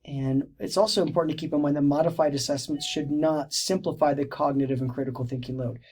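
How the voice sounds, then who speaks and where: A man's voice: a little high, steady tone, fast, a little mellow, slightly rough. A man narrating a recorded teacher-training lecture, explaining steadily with frequent restarts and fillers. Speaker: teacher educator.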